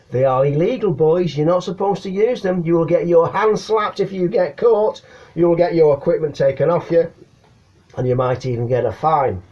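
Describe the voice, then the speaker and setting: In a lo-fi recording from a small attic room, a middle-aged Englishman with a warm, fairly high voice chats to camera with slangy CB radio advice, stumbling and repeating words along the way.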